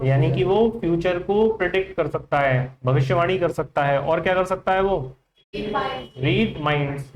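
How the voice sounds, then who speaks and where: The audio is dull as a man with an Indian accent and a high-sitting voice runs an English vocabulary lesson in Hindi, repeatedly questioning his students.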